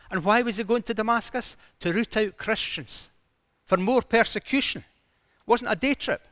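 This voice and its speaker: A man's voice: sits high, a bit bright, no echo. A man preaching a sermon, retelling a story dramatically with emphatic rises in his voice.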